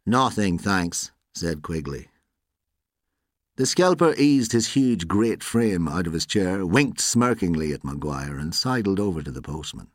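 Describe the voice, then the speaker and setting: A man narrates a story with a low voice that rises and falls a lot. He reads in a measured, expressive way, and the recording is dry and close, with no room sound. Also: no echo. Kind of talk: scripted story reading.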